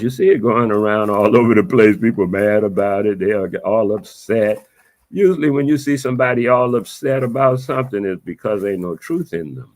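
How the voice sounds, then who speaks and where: Man giving a lively, preachy monologue. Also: lowish voice. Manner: preachy, repetitive, emphatic; casual vernacular. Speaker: vlogger. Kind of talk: reflective monologue.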